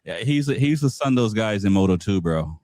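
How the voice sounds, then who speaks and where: A man hosting a casual motorcycle-racing panel chat, talking haltingly with lots of fillers and restarts. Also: fairly low pitch, animated, a little mellow, no room sound. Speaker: podcast host.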